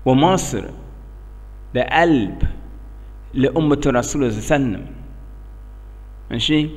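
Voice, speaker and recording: Male, middle-aged American, English-accented broken Arabic; earnest, emphatic religious speaker, medium pitch, reverberant room. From United States. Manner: halting broken Arabic with English accent, repeats check-in questions. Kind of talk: informal religious talk to camera. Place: small bare indoor room.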